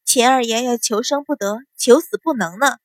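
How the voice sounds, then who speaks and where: A woman voicing a sly young maidservant who mocks a captive in soft, teasing taunts. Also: fairly high pitch, normal speed, dry recording, studio quality, lightly acted.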